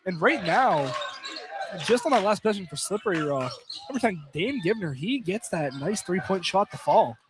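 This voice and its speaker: Courtside at an indoor college field house, a man with a high-sitting, very animated voice delivers live radio play-by-play of a basketball game at normal speed. He speaks in clipped bursts, identifies players by their numbers, and the gym broadcast is noisy.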